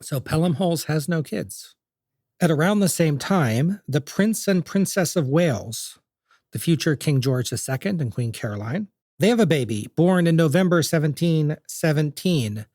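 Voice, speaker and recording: A man's voice: on the high side, lively intonation, moderate pace, darkish tone, dry recording, studio quality. A man hosting a podcast, telling history in a chatty, jokey, casual way. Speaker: podcast host.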